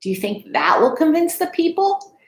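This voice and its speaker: A middle-aged woman with a high-sitting voice reads a children's storybook aloud at a normal speed, sounding like a school principal. She is expressive and teacherly, stopping to ask her listeners questions. She's indoors in a small room at home, and the audio is reverberant with slight background noise.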